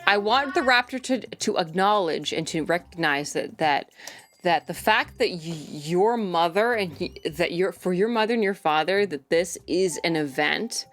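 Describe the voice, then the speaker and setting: A woman's voice: lowish voice, lively intonation, normal speed, a bit bright. A drunk young woman rambling in a rowdy party-animal way, repeating herself and swearing in a casual livestream chat.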